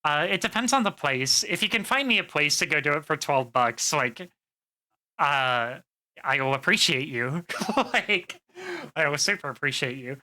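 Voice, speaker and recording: A woman's voice: deep voice, lively intonation, moderate pace, pushed and bright. A woman streamer chatting casually to her viewers, rambling with plenty of fillers and swearing freely. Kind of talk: casual live-stream chat.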